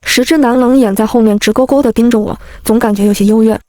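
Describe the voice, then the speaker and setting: A woman narrating a first-person story in a lively, wry, comic manner. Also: fairly high pitch, fast, no room sound.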